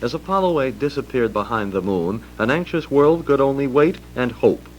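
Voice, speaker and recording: A man with an American accent reading scripted historical narration as a documentary narrator, formal and measured. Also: medium pitch, animated. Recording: dull vintage record with hum.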